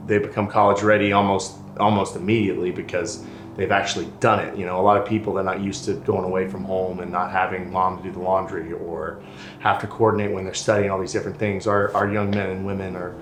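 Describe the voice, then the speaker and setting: A man's voice: low-pitched, level tone, quick pace, a bit bright, echoey room, slight background noise. A man on a soccer program staff, explaining earnestly in a documentary interview.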